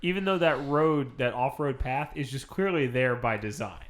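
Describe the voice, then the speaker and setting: A man's voice: mid-range voice, normal speed. A man co-hosting a podcast, recapping episodes in casual chat with many restarts. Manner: animated recapping, rambling restarts. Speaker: podcast co-host recapping a web series.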